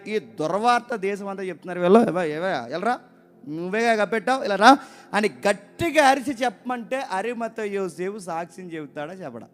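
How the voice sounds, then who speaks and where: A pastor with a strikingly high voice preaches with force, asking question after question and pressing the listeners to answer back. He drives his points home by repeating key words. Faint music plays under his sermon. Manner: emphatic, keeps firing rhetorical questions at the congregation and demanding answers.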